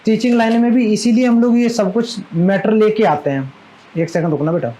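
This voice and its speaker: A man's voice: sits high, fairly even intonation, a little fast, dark tone, low-quality recording. A male maths teacher giving a live classroom lecture, chatty and fondly scolding, who keeps asking his students questions.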